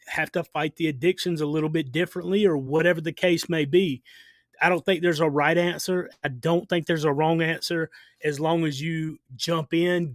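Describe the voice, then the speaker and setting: A man's voice: a little high, no room sound. A man hosting a casual live Q&A, giving plain-spoken advice in a rambling way, with many restarts and fillers. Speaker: livestream host answering viewer questions.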